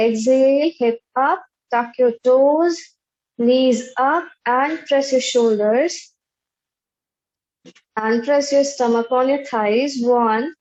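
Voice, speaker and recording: A young woman in her twenties with an Indian accent, leading a live online yoga class in measured short commands and slow counts, over roomy, dull video-call audio. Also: high-pitched, a little mellow. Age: 20s. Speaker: yoga instructor. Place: indoor bare room, online video class.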